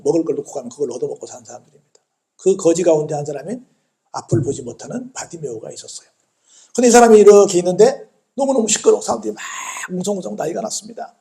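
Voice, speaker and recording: High-voiced Korean pastor preaching. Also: male voice. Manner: preaching with rhetorical questions and cries of hallelujah; retells the story vividly with shifting loudness. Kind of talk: sermon. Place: church sanctuary.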